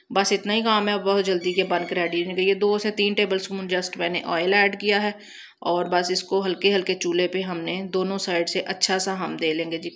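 A woman with a Pakistani Punjabi accent and a lowish, slightly bright voice hosts a cooking channel, giving a chatty, casual recipe voice-over. It's a home recording with noticeable background noise.

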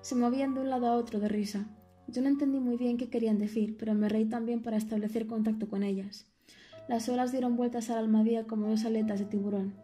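A woman reading an audiobook, in a measured storytelling manner. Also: fairly high pitch, steady tone, dark tone, soft background music. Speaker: audiobook narrator. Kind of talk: scripted audiobook narration.

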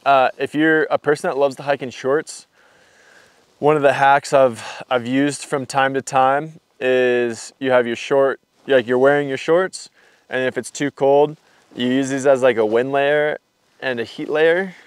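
Unhurried and smooth, a young man with a medium-pitched voice gives a relaxed, rambling, filler-heavy rundown of his hiking gear on camera. He's a hiking vlogger, and the camera mic recording is dry.

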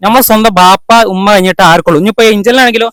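A man guest in a casual interview, calm and agreeable, answering with many short affirmations. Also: high-pitched, very fast, dry recording.

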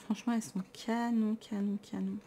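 This woman's voice is mid-range, level and dark, delivered at a brisk pace, with a little hiss or hum in the recording. A tired vlogger with a French accent, she chats casually and enthusiastically about her books, mocking herself along the way.

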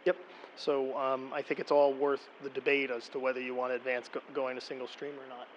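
A man's voice: mid-range voice, little pitch movement, fairly quick, lo-fi sound, a little hiss or hum. A middle-aged man presenting to a borough council in a meeting room, explaining plainly with frequent ums and restarts, speaking at a podium microphone.

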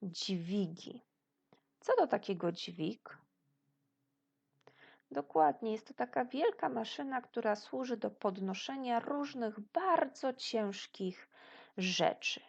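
Polish woman teacher, slow and gravelly, patient lesson for small children. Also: a little high, expressive, lo-fi sound. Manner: praises pupils' imagined answers. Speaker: primary school teacher. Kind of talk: recorded video lesson for children.

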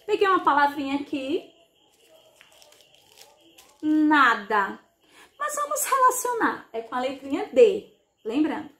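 A woman with a high, bright voice teaches a class of young children for a broadcast lesson. She talks slowly and in a sing-song way, stretching out sounds and asking little questions to keep the kids following. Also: very animated. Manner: slow, sing-song teacher talk with diminutives. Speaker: primary school teacher. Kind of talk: televised remote class for children.

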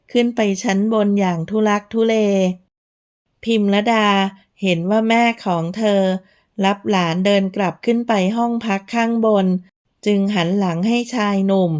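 A woman narrating a romance novel in a slow, measured, even reading voice. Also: mid-range voice, clear, resonant tone. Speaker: audiobook narrator.

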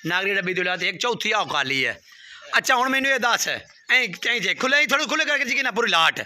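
A man hosting a casual outdoor video and haggling in a brisk, bossy way. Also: sits high, big pitch swings, bright, forceful tone. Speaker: livestock dealer and video host. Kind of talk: casual on-camera bargaining. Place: outdoor farmyard.

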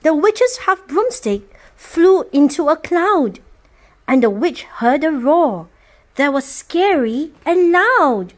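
A woman storyteller reads a rhyming children's picture book aloud in an expressive, sing-song voice. Her voice sits high and moves freely up and down. She reads slowly, leaning into every rhyme.

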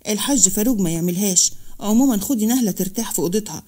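A man's voice: sits high, very fast, mellow. A woman voicing a blunt, skeptical grown son, with an Egyptian accent, in a narrated story. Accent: Egyptian Arabic.

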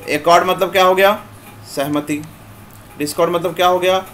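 A man teaching English vocabulary in an online class, explaining slowly and repeating "theek hai" after nearly every phrase. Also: high voice, fairly even intonation, fairly bright tone. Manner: slow, repetitive explaining, mixing Hindi and English. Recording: faint background noise.

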